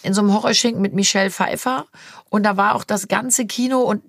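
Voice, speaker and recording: A woman's voice: mid-range voice, steady tone, fast, slightly rough, no echo. Middle-aged woman, podcast co-host, casual chatty storyteller, dry close mic. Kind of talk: casual chat.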